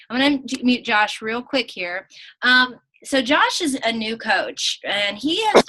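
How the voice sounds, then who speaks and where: Bright-voiced encouraging woman coach. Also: a little high, low-quality recording. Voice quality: upbeat, encouraging, chatty. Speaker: team coach leading a group call. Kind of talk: casual online team call.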